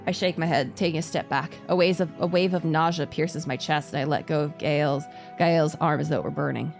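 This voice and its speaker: Female streamer reading a visual novel aloud; low, gravelly edge, dramatic delivery, music underneath. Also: steady tone, brisk. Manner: stumbles over hard words and repeats them. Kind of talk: dramatic narration of game text. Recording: music behind the voice.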